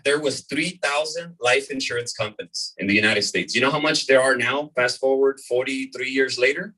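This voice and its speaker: Energetic man pitching to a room. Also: husky. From California desert, US. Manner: energetic, repeats points, asks "right?". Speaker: presenter at a business opportunity meeting. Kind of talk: live sales presentation to a room. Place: meeting room before an audience. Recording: voice from far off in a room.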